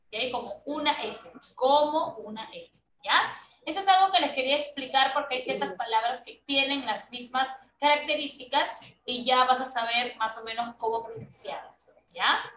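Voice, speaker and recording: A woman's voice: fairly high pitch, bright, forceful tone, reverberant, distant mic, poor audio. A woman teaching English to children in an online class, patient, repeating herself and checking that the kids follow along. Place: room at home on a video call. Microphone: laptop mic on a video call.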